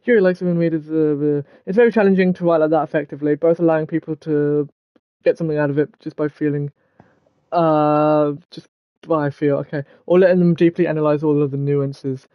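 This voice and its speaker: Higher-voiced young man, dull dry mic. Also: steady tone, fairly quick, clear, resonant tone, dry recording. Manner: stumbles over words when reading aloud. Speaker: gaming video host. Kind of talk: casual let's-play commentary, reading game text aloud.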